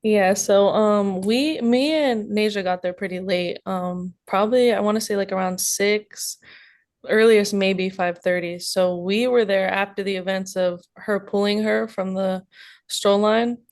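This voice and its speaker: A woman guest on a podcast, telling events in a measured, matter-of-fact way. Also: medium pitch, steady tone, darkish tone. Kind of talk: casual storytelling.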